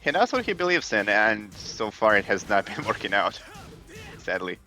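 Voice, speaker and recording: A man's voice: lowish voice, big pitch swings, normal speed, bright, forceful tone, soft background music, rough recording. A man from Ukraine commentating a fighting-game tournament with teasing, joking banter. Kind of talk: casual esports commentary.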